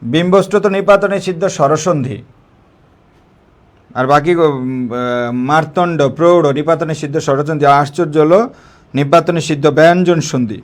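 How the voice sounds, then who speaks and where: Man teaching a lively live grammar class. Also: a little high, normal speed, pauses often. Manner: repeats key points and quizzes the class; colloquial, mixing in English words.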